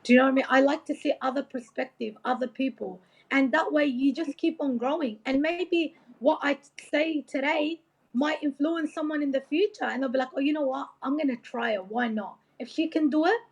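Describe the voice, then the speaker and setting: A high-voiced woman from Iraq talks briskly as a motivational coach in a casual interview, earnest, encouraging and rambling, with lots of "like" and "you know." The audio comes across dull and lo-fi.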